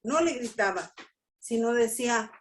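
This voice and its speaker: Slow, emphatic woman preaching. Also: on the high side, lively intonation. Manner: slow, emphatic, with repeated "¿sí?" checks and acted-out quotes. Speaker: family workshop teacher. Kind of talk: preaching talk.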